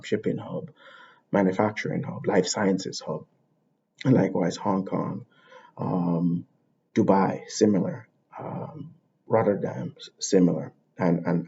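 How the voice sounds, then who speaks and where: A Jamaican podcast host explains ideas in an unscripted monologue, thinking aloud and circling back over his words. His voice sits low and is creaky and mellow. The recording is dull and lo-fi, with slight background noise.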